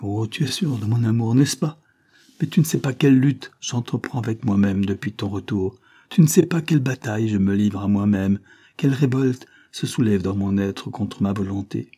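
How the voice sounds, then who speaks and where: A man's voice: normal speed, dark tone, husky. A man reading an audiobook, voicing a young woman, an anguished and devoted lover, with a raised, pleading delivery. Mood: sobbing, devoted. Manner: pleading, impassioned, rising in pitch.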